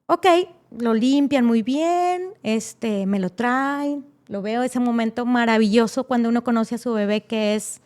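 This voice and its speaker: A woman's voice: on the high side, measured pace, few pauses, a little mellow. A woman, a podcast guest telling an emotional personal story and acting out the people she quotes, with many fillers.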